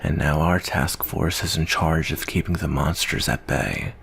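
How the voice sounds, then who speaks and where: A very deep, gravelly, husky voice, slightly bright and exaggerated, carries this man's ASMR roleplay as a weary, guilt-stricken monster-hunting soldier. He speaks slowly and broodingly, in a grim, bitter mood.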